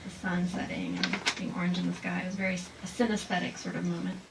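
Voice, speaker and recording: A woman's voice: fairly low pitch, level tone, fast, distant mic. Woman poet at a noisy live reading. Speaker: haiku poet presenting her work. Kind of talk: informal poetry reading and talk. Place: live reading before a small audience. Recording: noisy room with clear background noise.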